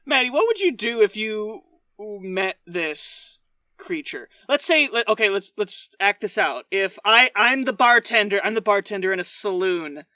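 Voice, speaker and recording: A man co-hosts a podcast in casual chat, cracking jokes and swearing with deadpan asides. His voice sounds bright. The recording is dry and close to the mic. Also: high-pitched, measured pace, dry recording. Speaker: podcast co-host.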